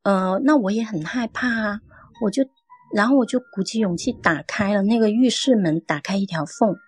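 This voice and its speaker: Husky woman from recounting a ghost encounter. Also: mid-range voice, a little mellow, no echo, studio quality. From Guangdong, China. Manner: earnest, halting storytelling. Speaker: caller sharing a story. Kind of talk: first-person ghost story telling.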